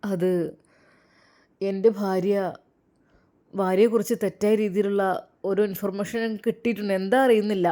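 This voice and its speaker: A woman's voice: medium pitch, steady tone, normal speed, long pauses, mellow, natural voice. A woman voicing a troubled husband who speaks hesitantly and grumbles with resentment. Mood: uneasy resentful. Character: troubled suspicious husband, man.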